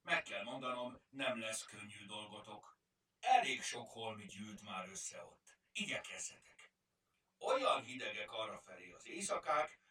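A man's voice: on the low side, bright, forceful tone. A man voicing a proud, bearded male border guard in a storybook, speaking in a dignified, advising way. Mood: warning. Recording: roomy, distant mic.

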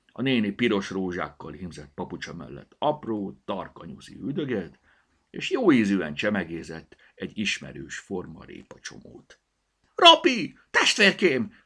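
A man narrating a children's storybook chapter with an expressive, animated delivery. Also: deep voice, slightly rough. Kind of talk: audiobook storytelling.

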